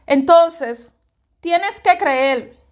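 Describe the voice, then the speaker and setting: Speaking extremely slowly, an evangelical preacher offers a fervent religious reflection in a very high-pitched voice with lively intonation. The woman repeats herself often and talks straight to the listener.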